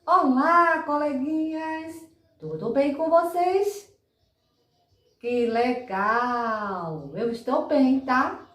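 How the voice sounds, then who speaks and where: A woman's voice: high voice, expressive, very slow, fairly bright tone, voice pushed up, exaggerated voice. A woman voicing a cheerful little boy puppet who greets children in a sing-song way. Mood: chirpy. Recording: echoey room, mic far off.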